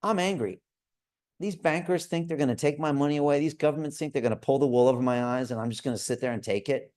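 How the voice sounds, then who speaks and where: A man delivering a loud, punchy promotional pitch in a scripted ad. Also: fast. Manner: punchy, hyped sales delivery. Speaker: show host.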